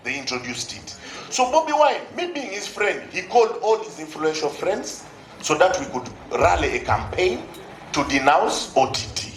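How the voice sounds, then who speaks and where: A Ugandan-accented man performs a stand-up story before a live audience, voicing dialogue animatedly and exclaiming. He sounds a little high and sing-song at a moderate pace, in an echoey stage recording full of crowd noise.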